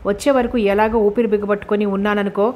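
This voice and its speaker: A woman voicing a lively, teasing middle-aged woman friend in a novel reading, chatty and quick. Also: mid-range voice, natural voice.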